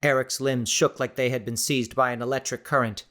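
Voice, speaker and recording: A man narrating an audiobook in a steady, measured storytelling voice. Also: medium pitch. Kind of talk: scripted narration.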